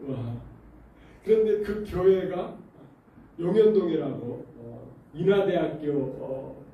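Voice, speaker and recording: A man's voice: on the high side, slow, recorded from a distance, lo-fi sound, slight background noise. A male pastor preaching a sermon in a church, telling stories and throwing questions at the congregation. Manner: animated storytelling with rhetorical questions to the congregation. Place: church sanctuary. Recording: very echoey church hall, voice off-mic.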